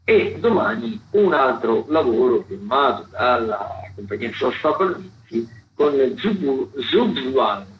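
A man hosting a radio show presents a roundup of theatre and arts listings from a studio, heard in a muffled recording with faint noise. His medium-pitched, sing-song voice is semi-improvised and hesitant, pausing to find words and often repeating a phrase before continuing.

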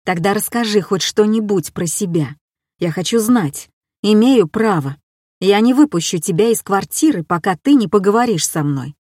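A woman reading an audiobook and voicing a desperate male artist who pleads with his lover, dropping her voice lower. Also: expressive, normal speed, a little mellow, no room sound, studio quality, natural voice. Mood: insistent.

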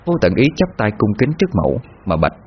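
Lively low-voiced man telling a tale. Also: breathy edge. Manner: measured, dramatic. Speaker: storyteller. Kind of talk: dramatic folk tale narration. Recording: muffled, with long reverb.

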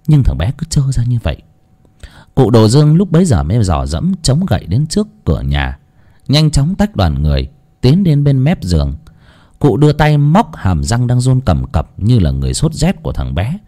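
A man narrating a scripted village horror tale in a slow, dramatic way. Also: on the low side, dark tone.

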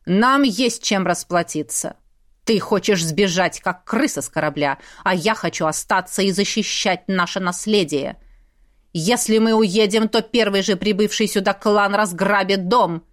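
A woman's voice: mid-range voice, measured pace, lightly acted. A woman voicing a stern aristocratic father in an audiobook, giving curt, clipped orders. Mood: cold, resolute. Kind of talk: audiobook character reading.

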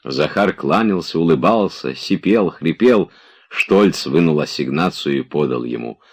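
Deep-voiced man narrating an audiobook. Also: lively intonation, measured pace, husky.

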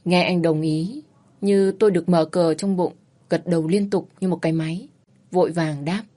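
Woman reading a first-person story out loud, lively and expressive. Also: on the low side, normal speed. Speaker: narrator.

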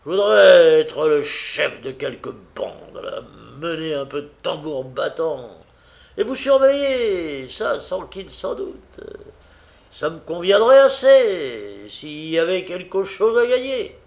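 A man reading an audiobook, voicing a boastful, swaggering young man with brash, loud outbursts. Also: a little high, very animated, measured pace, creaky, pitched above the performer's own voice, exaggerated voice. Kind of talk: audiobook character voice.

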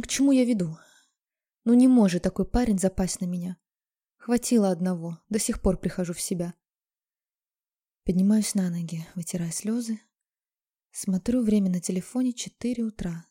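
Mellow-voiced woman narrating a story. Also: medium pitch, fairly quick. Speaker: audiobook narrator. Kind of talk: first-person story narration.

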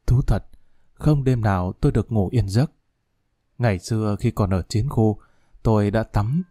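A man's voice: on the low side, mellow, no room sound, clean studio sound. A man doing a tearful old mother. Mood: tender. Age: older. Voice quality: choked, tearful. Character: elderly Lao woman, tender and grieving mother figure.

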